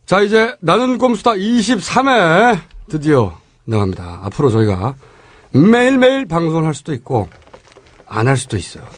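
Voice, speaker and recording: A man's voice: fairly high pitch, huge pitch swings, normal speed. A man hosting a political comedy podcast, talking in a casual, joking and teasing way. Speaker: podcast host.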